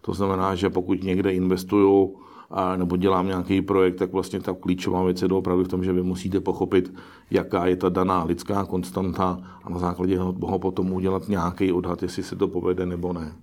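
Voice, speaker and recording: A man's voice: sits low, completely flat delivery, darkish tone. A middle-aged man answering interview questions as an investor, talking in a pragmatic, musing way with frequent restarts. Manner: pragmatic, musing, self-correcting.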